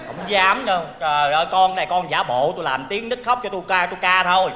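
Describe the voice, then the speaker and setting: A high, bright Southern Vietnamese man playing up a stage comedy sketch, all exclamations and teasing. His voice rings out in a large theater hall with a long reverb and a faint hiss underneath. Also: quick pace.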